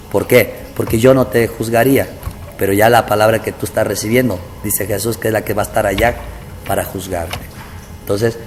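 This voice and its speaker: A man's voice: fairly low pitch, a little mellow. A man preaching a testimony sermon as pastor, telling his story earnestly and often calling out to his brothers. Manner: earnest storytelling, keeps addressing "hermano". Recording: reverberant hall with faint ambient noise.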